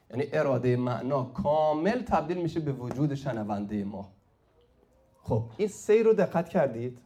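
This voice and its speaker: Lively male teacher quizzing a class. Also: mid-range voice, slight background noise. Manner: prompts the class with "say it" and quizzes them. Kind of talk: classroom lecture at a whiteboard.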